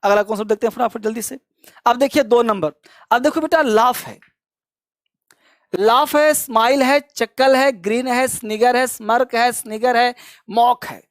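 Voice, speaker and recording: A man teaching an English lesson, drilling word lists at a brisk clip and calling his students kids. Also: very high-pitched, fairly even intonation, no echo, studio quality. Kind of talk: spoken grammar lesson.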